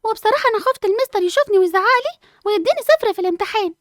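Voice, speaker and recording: A woman's voice: very high voice, expressive, very fast, dry recording, clean studio sound. A woman voicing a sensible, studious schoolgirl twin with an Egyptian accent, lecturing her sister. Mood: indignant. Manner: indignant, lecturing.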